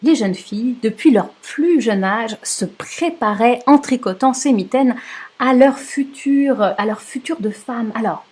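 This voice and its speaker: A woman's voice: on the high side, expressive, unhurried, hardly any pauses, darkish tone, breathy edge. A woman presenting a knitting history lesson in a chatty storytelling way, with asides and jokes for her viewers. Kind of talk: casual storytelling lecture.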